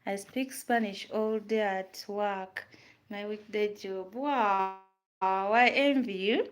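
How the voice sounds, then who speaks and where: Cooking as she talks, a young woman from Uganda who speaks Luganda natively chats with her viewers in a Ugandan accent. She takes it slowly, her medium-pitched voice fairly even in intonation, over a noisy home recording.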